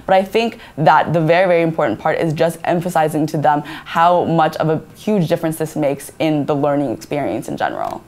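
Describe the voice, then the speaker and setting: A young adult woman whose first language is Chinese answers earnestly as a candidate in a student government debate. Her low, darkish voice is animated and brisk, with few pauses. She restarts often and keeps saying "I think."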